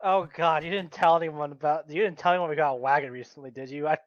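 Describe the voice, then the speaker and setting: Male player, wry banter, fairly high voice, dry muffled recording. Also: steady tone, fast, dry recording. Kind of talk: casual tabletop game chat.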